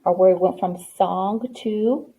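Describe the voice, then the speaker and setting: A woman's voice: mid-range voice, slow pace, warm tone, slightly rough. A woman teaching a spelling lesson, patient and encouraging, sounding out letters one by one. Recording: tinny lo-fi phone-like sound.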